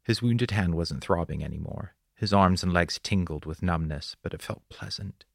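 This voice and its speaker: Deep gravelly male audiobook narrator. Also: dry recording, studio quality. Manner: measured, descriptive storytelling.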